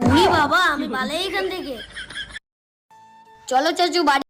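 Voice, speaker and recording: A woman's voice: sits high, moderate pace, loud music behind the voice, voice pushed down, lightly acted. Woman voicing a whiny little cartoon boy. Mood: pleading. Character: little boy who wants noodles.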